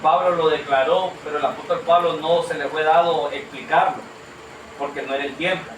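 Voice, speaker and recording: A man's voice: a little high, steady tone, fairly quick, background noise. A man preaching a sermon to a congregation, earnest and questioning, calling them brother. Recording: echoey room from far off.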